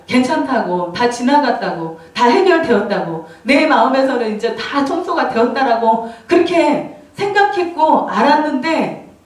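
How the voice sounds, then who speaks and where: A woman preacher giving an emotional sermon testimony, swinging between loud outbursts and hushed, confiding passages. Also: high-pitched. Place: church sanctuary. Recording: very echoey hall, voice from a distance.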